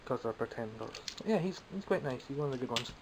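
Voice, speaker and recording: With a Scottish accent, a young toy collector vlogger rambles off the cuff about his toy haul from behind a home camera, dry and self-deprecating. His middle-pitched voice is expressive and fast, though phlegmy, with coughs now and then. The camera mic recording carries a faint hiss.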